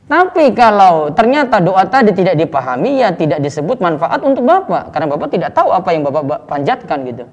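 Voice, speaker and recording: A man's voice: sits high, very animated, fast talker, few pauses, big-room sound. A man, a religious teacher, answering questions casually and explaining with everyday examples. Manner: explains with everyday examples, keeps addressing the asker.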